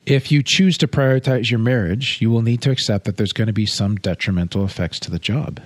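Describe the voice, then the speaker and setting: Male podcast co-host, earnest advice-giver, slightly low voice, dry close sound. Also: fairly quick, no echo. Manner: earnest and advising, often tags on "right?". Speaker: podcast co-host, marriage counselor. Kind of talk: advice-giving casual chat.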